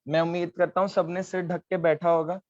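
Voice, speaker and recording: Male teacher, patient step-by-step explainer, slightly raised pitch, dry dull recording. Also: level tone, brisk, a little mellow, dry recording. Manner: patient, explains step by step, checks with "theek hai". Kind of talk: online Gurmukhi lesson at a board.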